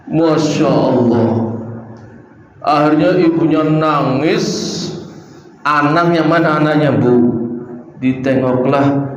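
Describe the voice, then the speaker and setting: A man's voice: mid-range voice, a little hiss or hum. Man preaching in an echoey hall. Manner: lively storyteller acting out dialogue, addresses women listeners. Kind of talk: sermon storytelling. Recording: echoey hall, dull lo-fi sound.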